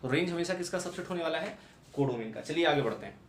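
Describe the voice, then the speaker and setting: A man's voice: a little high, lively intonation, fast. Man teaching maths in an echoey room. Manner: repetitive, checks understanding with rhetorical questions. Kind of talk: classroom-style lecture. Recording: echoey room, mic at a distance, background noise.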